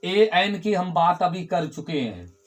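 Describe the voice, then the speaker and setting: A man's voice: sits high, sing-song, takes it slowly, faint music behind. A male teacher giving a classroom grammar lesson, explaining step by step and repeating key words, often asking the class a question and answering it himself.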